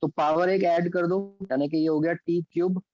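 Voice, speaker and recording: A man's voice: on the high side, level tone, moderate pace, darkish tone, dry recording, highs cut off. A man with an Indian accent teaching calculus step by step in an online class. He mixes English terms into his Hindi explanations and checks in with students by name. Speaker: physics and maths teacher.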